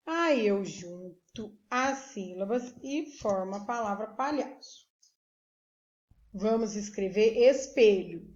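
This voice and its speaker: A woman teacher giving a recorded literacy lesson, slowly spelling words out syllable by syllable. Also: medium pitch, darkish tone. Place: remote classroom video recording. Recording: echoey room, dull lo-fi sound.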